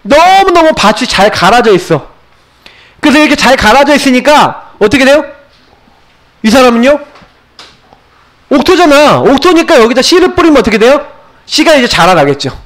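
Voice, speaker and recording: A man's voice: very high-pitched, sing-song, moderate pace, pauses often, a bit bright. A male pastor giving a sermon to children, asking questions and answering them himself. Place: church.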